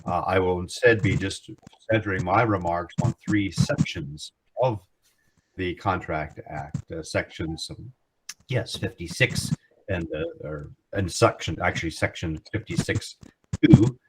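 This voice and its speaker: A man giving an academic lecture over a video call, halting and correcting himself as he goes. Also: deep voice. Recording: noisy line with clicks.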